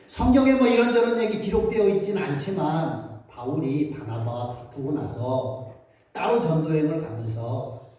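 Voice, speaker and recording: A middle-aged male pastor delivers a Christmas sermon in a church sanctuary, telling stories, acting out villagers' voices and putting questions to the congregation. His voice is medium-pitched with a dark tone. The hall is very echoey and he is heard from some distance.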